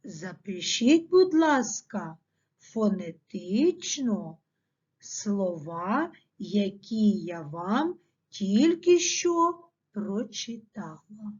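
A woman teacher giving a language lesson to children, dictating words slowly and pronouncing them carefully. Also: mid-range voice, sing-song, a little mellow, husky, muffled recording. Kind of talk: classroom lesson.

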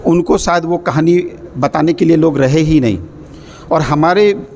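In an indoor exhibition corridor with people around, a middle-aged university official speaks earnestly to reporters into a cluster of handheld press mics, pausing often and using fillers as he chooses his words. His voice is on the high side with a darkish tone, and crowd chatter and slight background noise sit behind him.

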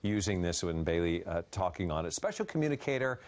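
A man's voice: low voice, very animated, a little fast, a little mellow. A man co-hosting a daytime TV show, chatting with enthusiasm as he presents gifts. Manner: upbeat, enthusiastic product presenter. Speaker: TV talk show co-host. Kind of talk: casual daytime TV chat.

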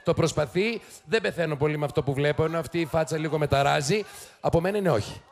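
A man's voice: a little high, creaky. A man hosting a TV show, giving teasing, sarcastic commentary to a studio audience. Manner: sarcastic, teasing, quick mocking asides. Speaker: TV show host. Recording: noisy studio with loud audience. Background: studio audience laughing and cheering.

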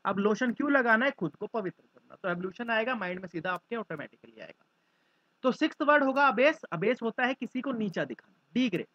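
A man's voice: high voice, brisk, no room sound, muffled recording. A male teacher explaining vocabulary through mnemonics, acting out little scenes as he goes. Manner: lively, acts out little scenes.

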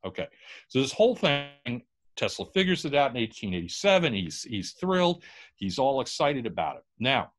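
Guy lecturing on an inventor, super lively pitch, chatty storyteller. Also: moderate pace, faint music behind. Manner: animated, informal, acts out quotes.

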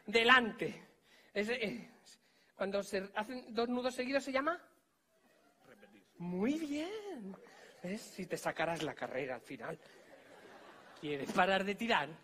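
A man with a Spanish accent performing a live comedy magic act, teasing volunteers and giving them quick orders on stage. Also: high-pitched, expressive, pushed and bright.

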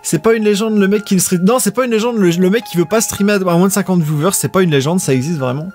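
A man casually chatting with viewers as he hosts a live stream of old adventure games, rambling in a relaxed way. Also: high-pitched, fast talker, faint music behind.

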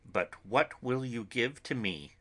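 A man reading an audiobook, voicing an anguished, earnest young woman who pleads solemnly and slowly with her friends. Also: medium pitch, expressive, a bit bright. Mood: solemn pleading. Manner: solemn, slow, pleading delivery.

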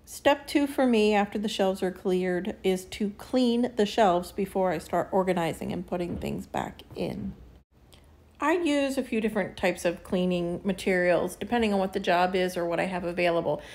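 A woman's voice: medium pitch, normal speed, darkish tone. A woman in her thirties chatting casually through a home organizing vlog, laughing lightly mid-sentence. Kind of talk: casual voice-over narration. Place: home kitchen with pantry, indoors.

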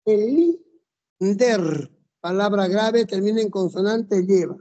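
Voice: mid-range voice, lively intonation, slow pace, dark tone, lo-fi sound. A teacher in a classroom, methodically walking students through rules step by step and quizzing them on the answers. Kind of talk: classroom lesson.

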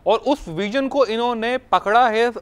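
High-voiced male guest explaining at length. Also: a little slow, smooth. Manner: explanatory, with hesitations. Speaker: guest analyst. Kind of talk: studio discussion.

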